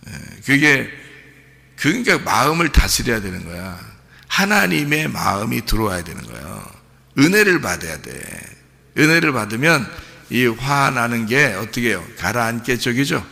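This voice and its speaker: A man preaching a sermon as pastor, animated, repeating phrases and asking his congregation questions. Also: medium pitch, vocal fry. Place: church sanctuary. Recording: long reverb of a church hall.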